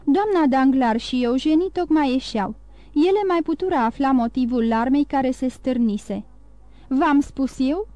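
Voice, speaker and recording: Woman narrator, high, mellow voice, steady audiobook reading, dry close sound. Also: no room sound.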